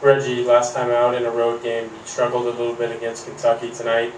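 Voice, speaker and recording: A male sports reporter asking plain, measured questions at a press conference. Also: medium pitch, completely flat delivery. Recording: echoey room from a distance, faint hum.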